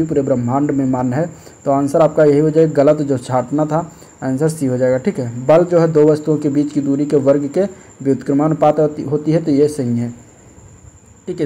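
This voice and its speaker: This exam-prep tutor has a husky voice on the higher side. He walks through practice test questions step by step in a steady explanatory manner, often checking in with "okay", repeating "ठीक है" and leaning on frequent fillers.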